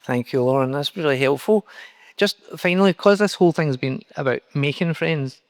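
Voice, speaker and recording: A man leading a friendly, relaxed interview on a church stage. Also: a little high, normal speed, no echo, studio quality.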